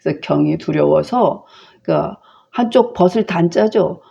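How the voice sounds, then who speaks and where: A woman lecturing on a classical text, explaining slowly and chattily with many fillers. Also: fairly low pitch, animated, vocal fry, mellow, dull audio.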